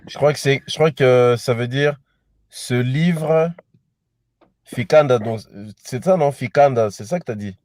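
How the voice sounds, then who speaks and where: A man's voice: medium pitch, measured pace, a little mellow, no room sound, studio quality. A man taking part as a student in a language lesson, guessing meanings hesitantly with many fillers.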